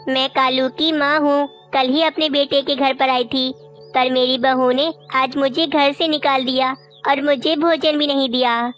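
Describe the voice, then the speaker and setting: A woman voices an elderly mother crow in a cartoon, meek and plaintive in her complaints. Her voice sits high, with soft music in the background. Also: fairly even intonation, measured pace. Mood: wounded. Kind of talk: cartoon voice acting.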